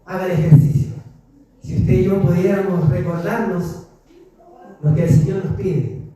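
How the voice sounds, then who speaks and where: A man's voice: high voice, moderate pace. A man with a Chilean accent preaching a sermon, telling stories and asking the congregation rhetorical questions. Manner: animated storytelling with rhetorical questions and laughter. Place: church hall. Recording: very echoey hall, voice far from mic.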